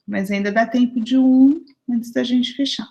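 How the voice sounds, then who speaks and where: Middle-aged Brazilian woman, group coordinator; higher-pitched, chatty storyteller on a video call. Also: unhurried, mellow, poor audio. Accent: Brazilian Portuguese. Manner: chatty storytelling, often asks the group for agreement. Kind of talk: informal spiritual study group talk.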